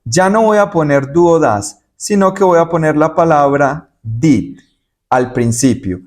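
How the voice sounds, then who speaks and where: In what sounds like a recorded video lesson, a male English teacher with a slightly high voice for a man goes through each point step by step. He repeats the English examples slowly, stressing them clearly, with lively intonation.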